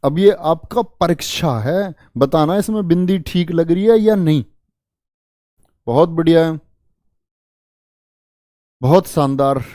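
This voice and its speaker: A young male teacher runs an online exam-prep lesson, quizzing his students over and over on spellings and teasing them when they get it wrong. His voice sits high but sounds mellow. The recording is close and dry. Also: slow pace, pauses often, no echo. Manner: drills spellings with repeated questions; scolds students playfully. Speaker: Hindi teacher.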